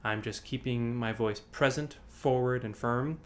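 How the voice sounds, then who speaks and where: A man's voice: mid-range voice, unhurried. A man teaching an online singing workshop, explaining breath support, with loose, rambling phrasing full of restarts. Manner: demonstrates sighs and sung examples. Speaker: vocal coach. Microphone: video call.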